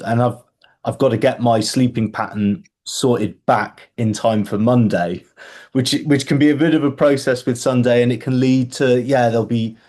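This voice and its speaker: A man hosting a book club call, thinking out loud, repeating words and restarting his sentences often. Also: on the low side. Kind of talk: casual group video call.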